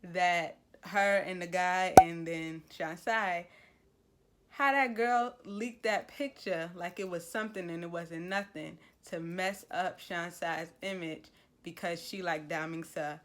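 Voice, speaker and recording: A woman vlogger giving her opinions on a series in an animated, chatty, opinionated way. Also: fairly low pitch. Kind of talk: casual review chat.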